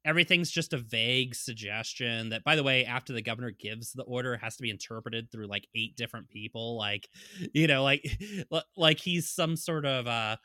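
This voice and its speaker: A man chats on a podcast in a loose, rambling way, chuckling now and then. His voice is mid-pitched and bright. The recording is dry and close. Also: fairly quick, no echo. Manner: rambling, chuckling, many fillers. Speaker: podcast co-host. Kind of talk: casual political chat.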